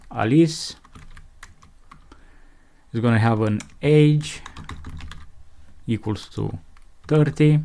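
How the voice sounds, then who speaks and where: A man's voice: mid-range voice, mellow. A man teaching programming in a screencast, reading out code step by step as he types it, with keyboard clicks behind him. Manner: dictates code as he types, slow and methodical. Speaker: programming instructor. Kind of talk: screencast coding tutorial.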